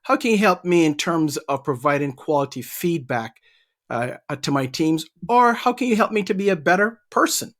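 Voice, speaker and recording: A man's voice: on the high side, lively intonation, normal speed, fairly bright tone. A middle-aged man from Barbados, a leadership trainer answering interview questions in an easygoing way and often repeating words while he thinks.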